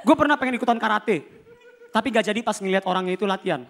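High, bright-voiced man doing stand-up. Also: racing, gravelly. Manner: animated, acts out characters with shouts and shifting voices. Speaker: stand-up comedian. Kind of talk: stand-up comedy routine.

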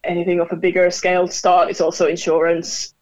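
A woman from Finland chatting as a guest over a video call, laughing often and pausing with fillers. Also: lowish voice, completely flat delivery, darkish tone. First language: Finnish. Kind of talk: casual chat. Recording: dull lo-fi call audio.

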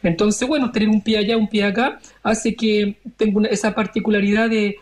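A man's voice: high voice, level tone, fairly quick. Thoughtful man in his forties. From Chile. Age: 40s. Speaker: member of parliament, interview guest. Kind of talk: reflective interview answers.

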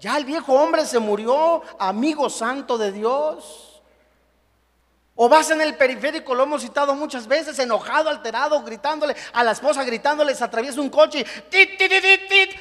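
High-voiced preacher in a reverberant hall. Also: male voice, normal speed. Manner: animated preaching, acting out quoted voices. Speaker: pastor. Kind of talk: sermon.

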